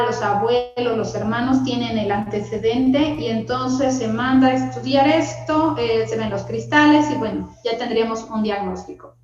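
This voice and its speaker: A woman's voice: on the high side, darkish tone. A woman giving a medical class lecture, explaining step by step with frequent fillers and asides to her students. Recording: lo-fi echoey room recording.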